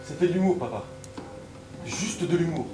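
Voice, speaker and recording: Offhand, highish-voiced smug son played by a man. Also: lively intonation, moderate pace, over music, lightly acted. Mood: evasive, offhand. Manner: hesitant, shrugging, offhand. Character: evasive, smug prankster son of a prisoner. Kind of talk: live improv comedy. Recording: roomy stage from far, crowd behind.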